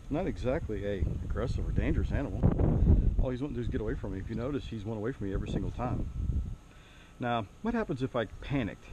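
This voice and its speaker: A man giving a relaxed outdoor snake demonstration on a handheld camera, explaining and asking the viewer questions. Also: mid-range voice, background noise. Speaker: snake educator. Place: outdoors near a trailer. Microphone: handheld camera mic.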